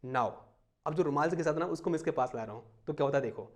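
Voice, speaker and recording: A young male physics teacher with a voice sitting a little high for a man. He walks students through a hands-on demonstration, firing questions at them and answering his own. When giving notes he slows right down, mixing English terms into his explanation. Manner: asks the class questions and answers them himself; dictates headings slowly, mixing in English terms. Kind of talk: classroom lecture with live demonstration.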